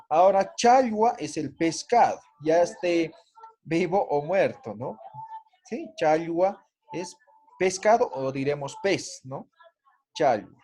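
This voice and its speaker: A man's voice: a little high, warm tone. Man teaching a language class online. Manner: explanatory, frequent tag questions.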